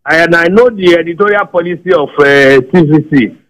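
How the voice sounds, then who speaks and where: A man's voice: a little high, moderate pace, a bit bright. A man with a Nigerian accent, a caller on a radio talk show, heard over a faint lo-fi phone line and repeating his greetings.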